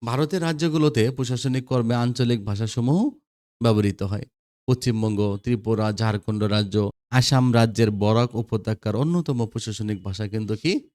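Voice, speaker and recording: A man's voice: on the low side, normal speed, a little mellow, no echo. Man, Bangladeshi accent, grammar lecture, quizzing tone, dry recording. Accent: Bangladeshi Bengali. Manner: quizzing students, repeating answers. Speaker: teacher. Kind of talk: lecture for school students.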